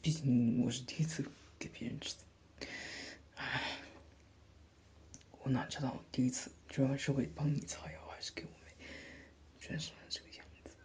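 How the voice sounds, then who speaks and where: A man voicing a gentle, doting older brother who comforts and teases softly in a whispered role-play. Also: mid-range voice, little pitch movement, moderate pace, long pauses, close to an everyday voice. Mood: soothing. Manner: soft, soothing, coaxing, lightly teasing. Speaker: older brother tending a sister's wound.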